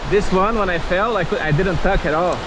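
A woman kayaking student chatting casually on a river, laughing often, recorded on an action camera. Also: lowish voice. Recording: loud river noise on camera. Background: rushing water.

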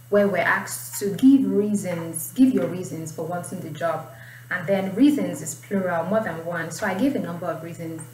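A low-voiced young adult Nigerian woman gives an informal IELTS writing tutorial, explaining and reading aloud. She's recorded in a small indoor room with a distant mic, so the sound is roomy with faint noise.

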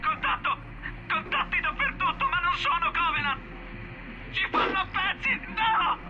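A man's voice: extremely high pitch, expressive, unhurried, muffled recording, faint music behind. An actor voicing a panicked young marine calling his sergeant over a walkie talkie, frantic and shrieking in a dubbed game cutscene. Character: panicked young male marine under attack. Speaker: soldier calling in.

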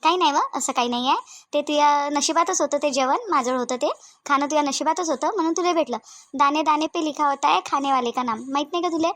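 A motherly older village woman fusses in a Varhadi accent for a cartoon, her voice high and her talk quick. She coaxes and repeats herself over and over. The recording is close and dry. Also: a bit bright, dry recording. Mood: comforting. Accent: Varhadi Marathi. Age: middle-aged. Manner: coaxing, fussing, repeats herself. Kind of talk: cartoon voice acting.

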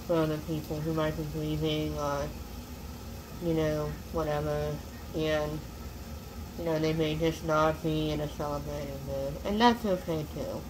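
Young woman, casual home cooking vlog, rambling with fillers and restarts, phone close up, noisy recording. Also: sits low. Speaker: cooking vlogger. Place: small home kitchen, indoors. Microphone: phone camera close up.

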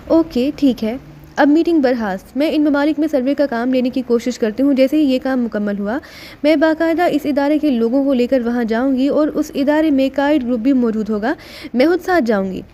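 Bossy lady leader giving orders, brisk, high pitched, narrator doing her. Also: mellow, natural voice. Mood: pleased. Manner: brisk, pleased, in charge. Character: commanding female gang leader.

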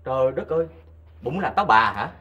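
A man's voice: medium pitch, very animated, fairly quick, bright, forceful tone, highs cut off. An actor playing a teasing, suspicious male kitchen god in a stage comedy sketch.

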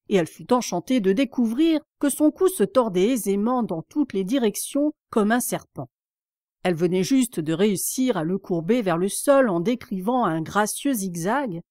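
A woman giving a calm, measured storybook narration as an audiobook reader. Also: fairly high pitch, no echo, clean studio sound.

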